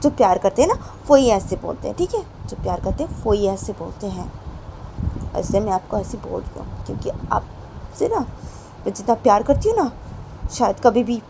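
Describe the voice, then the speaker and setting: A woman's voice: medium pitch, big pitch swings, moderate pace, background noise, pitched above the performer's own voice. A woman voicing a young woman who pleads emotionally with her partner, repeating herself with rising insistence. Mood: insistent.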